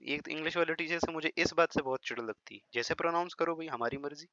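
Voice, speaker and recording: A man's voice: on the high side, pushed and bright, no room sound. A man teaching a biology lesson in a classroom lecture style, chatty, with teasing asides and frequent checks that students follow. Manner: slows down and over-stresses words when demonstrating pronunciation. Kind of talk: classroom-style lecture in Hindi-English mix. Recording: slightly dull, lo-fi, dry recording.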